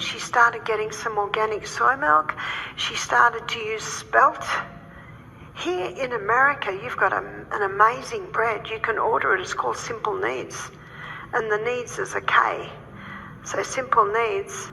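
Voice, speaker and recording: A woman health educator telling stories in a lecture, animated and acting out the people she quotes. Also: on the high side, vocal fry. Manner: animated, acts out quoted speakers. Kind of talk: storytelling lecture. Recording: reverberant hall with faint noise.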